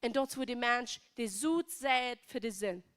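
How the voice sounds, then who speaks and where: A woman's voice: fairly high pitch, measured pace, a bit bright. A woman with a Plautdietsch accent preaching a sermon in an emphatic, repetitive way.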